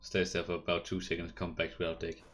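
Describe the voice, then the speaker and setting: Deep-voiced man as game master. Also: completely flat delivery, quick pace, fairly bright tone. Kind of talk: running a tabletop game.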